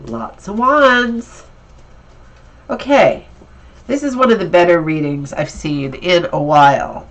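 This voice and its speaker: A tarot reader, a woman whose voice is low and stuffy and nasal from allergies, gives an upbeat, encouraging reading in a casual, chatty way. The audio quality is poor.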